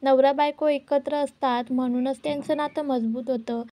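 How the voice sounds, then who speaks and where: A woman's voice: high-pitched, fairly even intonation, moderate pace, dark tone, lightly acted. A woman reading the lines of a male competition announcer explaining the rules in a TV serial retelling. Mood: announcing.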